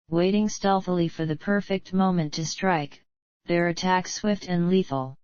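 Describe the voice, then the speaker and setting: A woman reads scripted nature documentary narration in a formal, measured manner. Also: lowish voice, darkish tone, smooth, no echo, dull audio. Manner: formal, measured read-out delivery.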